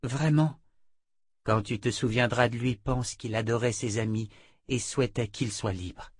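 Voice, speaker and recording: A man reading an audiobook, voicing a commanding woman inquisitor who is stern with enemies and gentle with a child. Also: mid-range voice, steady tone, measured pace, slightly rough, no room sound, studio quality. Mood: tender. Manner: commanding, firm.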